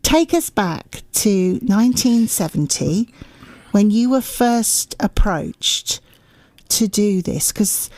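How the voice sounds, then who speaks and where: A woman's voice: mid-range voice, expressive, slow, no room sound. A woman presenting a radio interview, who encourages her guest with frequent affirming remarks. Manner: warm encouraging interviewer, many affirming noises.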